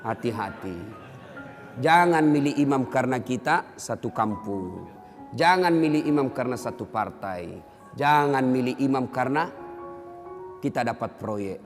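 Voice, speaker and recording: Animated preacher, echoing hall. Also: male voice, medium pitch, a little slow. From Indonesia. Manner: animated storytelling, voice rising sharply for punchlines. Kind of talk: humorous sermon with anecdotes. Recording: long hall reverb, faint music behind.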